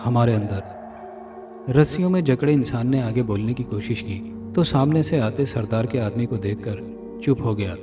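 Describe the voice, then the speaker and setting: A man reading a scripted horror story dramatically, sounding a little far from the mic over loud music. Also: mid-range voice, lively intonation, moderate pace. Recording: narration from a distance with loud music.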